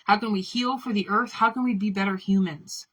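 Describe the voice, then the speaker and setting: A woman's voice: medium pitch, steady tone, a little fast, a bit bright, poor audio. A woman delivering an impassioned spiritual monologue, fiery and profane, building repeated chant-like affirmations. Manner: fiery, swearing, chant-like repetition. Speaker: spiritual speaker.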